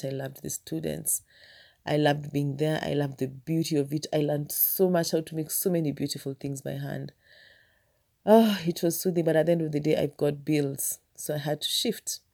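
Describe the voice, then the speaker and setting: A Kenyan woman with a Kenyan accent tells a personal story in a low voice. Her tone is mellow and relaxed, and she talks to her viewers in a chatty, humorous way. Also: vocal fry. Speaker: teacher telling a personal story. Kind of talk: casual storytelling vlog.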